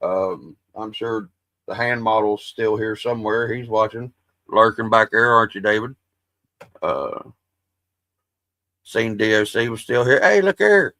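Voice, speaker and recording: A livestream host with a mid-range, slightly bright voice rambles profanely through casual chat with his viewers. He describes his voice as soothing, and the audio has no room sound.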